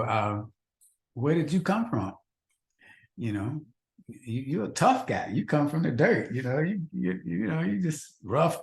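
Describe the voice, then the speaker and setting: A man's voice: mid-range voice, vocal fry. Earnest man teaching a marriage class. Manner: earnest, repetitive, rhetorical questions. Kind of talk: faith-based marriage teaching. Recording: echoey room.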